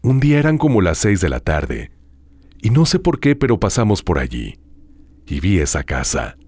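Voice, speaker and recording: Deep husky man narrating horror. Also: huge pitch swings, no echo. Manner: dramatic, hushed storytelling with drawn-out pauses. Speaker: host reading listener horror stories.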